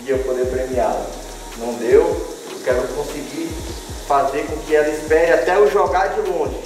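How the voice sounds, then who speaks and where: A man's voice: on the high side, darkish tone. A Brazilian man in his thirties giving an informal dog-training demonstration, explaining and repeating key phrases for emphasis. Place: large bare tiled room indoors. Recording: very echoey room, distant mic, background music.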